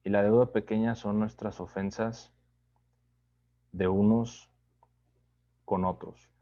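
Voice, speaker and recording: A man giving a conversational Bible study sermon, unhurried, often checking in with listeners through tag questions. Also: on the low side, steady tone, mellow, dull audio.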